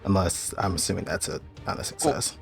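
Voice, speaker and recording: A man plays a tabletop game and talks casually through his turns. His voice is on the low side with plenty of creak. Music plays behind him. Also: animated, brisk.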